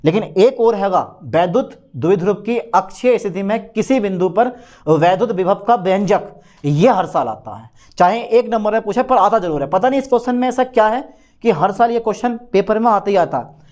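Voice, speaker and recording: A man teaching a physics exam-prep lesson, repeating key phrases slowly and stressing what matters for the exam. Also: high voice, lively intonation, a little mellow.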